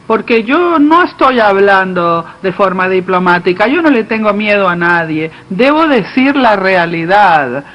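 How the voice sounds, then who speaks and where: A man giving live simultaneous interpretation of a political speech, delivered haltingly, phrase by phrase. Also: sits high, a bit bright. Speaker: conference interpreter. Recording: dull lo-fi feed, faint background noise.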